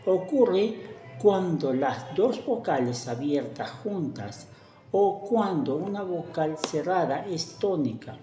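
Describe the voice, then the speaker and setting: A woman teaching a grammar lesson, speaking slowly and deliberately and spelling out example words one at a time. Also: on the low side, animated, warm tone, roomy sound.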